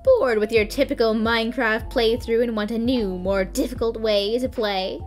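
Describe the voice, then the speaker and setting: A boastful pirate drawls out each line slowly and theatrically, as a woman puts on the voice. The voice sits fairly high for a rough sea dog. Soft background music plays beneath. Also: fairly even intonation, natural voice. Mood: hammy.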